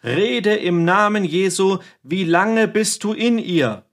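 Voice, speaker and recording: A man's voice: high-pitched, takes it slowly, a bit bright, voice pushed up, exaggerated voice. A man voicing a stern priest exorcist who commands and scolds a demon in a preaching tone. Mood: commanding.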